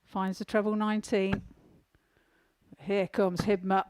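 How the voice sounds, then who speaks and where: A man's voice: high-pitched, flat delivery, measured pace, clean tone, no room sound. A man giving live play-by-play darts commentary in clipped phrases that follow each dart.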